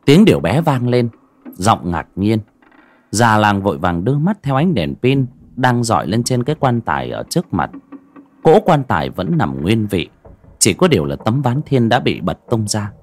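A man narrating a horror story in an expressive, dramatic way. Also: fairly low pitch, normal speed.

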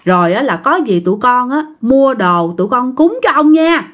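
Frightened young men begging for mercy, voiced by a woman narrator. The pleading is halting and full of fillers, in a high, lively voice.

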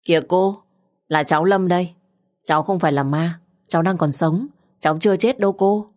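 A woman's voice: fairly low pitch, a little fast, a little mellow, natural voice. A woman reading an earnest young husband. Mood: pleading. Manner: earnest, pleading. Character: young father, earnest and grateful.

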